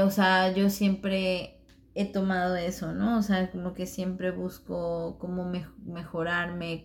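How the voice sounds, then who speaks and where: A young woman from Mexico, candidly telling a personal story in a reflective way, with many fillers. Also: on the low side.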